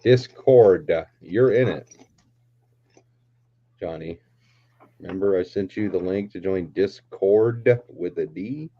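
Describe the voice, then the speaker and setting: A man's voice: low-pitched, slow pace, pauses often, breathy edge. A man in his late twenties hosting a casual chat show, joking and swearing freely with his friends. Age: 20s. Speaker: podcast host. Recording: dull lo-fi sound with faint noise.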